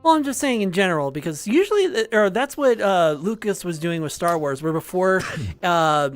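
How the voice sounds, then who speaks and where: A woman's voice: lowish voice, expressive, moderate pace, faint music behind. Woman streamer just chatting, lots of laughing, voice jumps around a lot. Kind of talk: casual chat.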